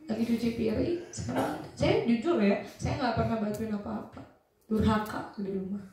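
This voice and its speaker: A young woman speaks to an audience, telling a personal story with lively storytelling and acting out the voices in it. Her voice sits high, and it reaches the mic from a distance. A heavy hall echo surrounds every word. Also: moderate pace, a little hiss or hum. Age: young adult. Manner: animated storytelling, acting out dialogue. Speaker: motivational speaker. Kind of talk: testimonial speech to an audience. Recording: echoey hall from far off.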